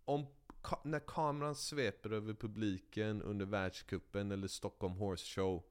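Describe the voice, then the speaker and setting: A man in casual podcast chat, telling a boastful, profane made-up story with lively energy. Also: lowish voice, smooth.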